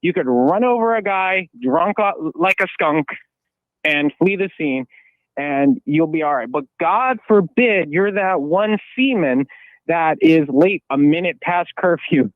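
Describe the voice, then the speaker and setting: A man's voice: on the high side, lively intonation, measured pace, no echo. A male caller on the phone to a radio show, talking in a rambling, heated way that jumps from thought to thought. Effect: over the phone. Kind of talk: call-in radio rant. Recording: tinny dry phone line.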